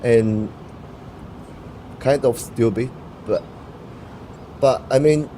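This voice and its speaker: Answering interview questions in English, a young Taiwanese man whose first language is Mandarin Chinese halts repeatedly, hunting for words and restarting. He speaks with a warm, medium-pitched voice on a low-quality recording with slight background noise.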